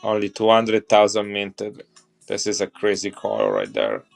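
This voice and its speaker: There's faint music under this creaky, lowish male voice, which swings widely in pitch at a measured pace. The speaker, a middle-aged man from Italy with an Italian accent, sells coins on a live stream, showing them off in casual, enthusiastic chat with viewers.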